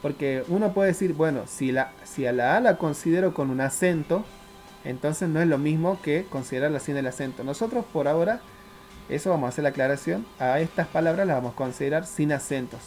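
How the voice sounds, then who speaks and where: A man's voice: a little high, brisk, darkish tone, faint music behind. A man teaching a math class, working through each step and often asking whether the students follow. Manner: works step by step, often checks understanding with the class; asks questions and answers them himself. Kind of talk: classroom lecture.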